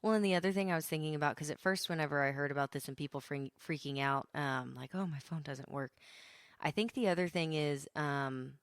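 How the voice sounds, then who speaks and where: A woman in her thirties speaks with a low, smooth, clear voice. She talks thoughtfully and hesitantly, often trailing off mid-thought. The sound is dry and close. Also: quick pace, few pauses, no echo. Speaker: podcast co-host. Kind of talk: casual conversation.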